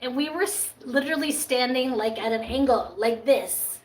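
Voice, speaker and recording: A woman co-hosting a casual chat, lively, laughing often and cutting in to tell the story. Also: high-pitched, moderate pace, distant mic. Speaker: co-host.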